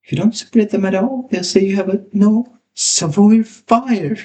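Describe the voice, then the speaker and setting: A man's voice: high-pitched, measured pace, darkish tone. A man voicing a pompous older woman who teaches etiquette, prim and scolding, slipping in French phrases.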